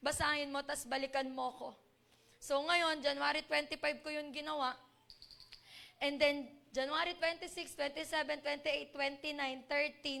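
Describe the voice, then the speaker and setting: A woman's voice: high voice, gravelly, fairly bright tone. A woman sharing a personal testimony with a congregation, speaking earnestly and emotionally. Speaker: church member giving testimony.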